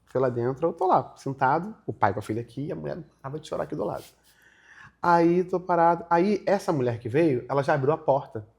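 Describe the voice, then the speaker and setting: A young man appears as a guest in a casual interview, telling a story with animation and acting out the lines of the other people in it. His voice is fairly high and gravelly, and he talks a little fast.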